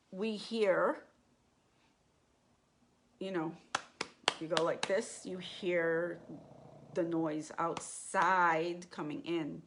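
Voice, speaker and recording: A woman's voice: lowish voice, a bit bright, slight background noise. A woman teaching a live class on intuition, talking in a conversational way and asking the group questions.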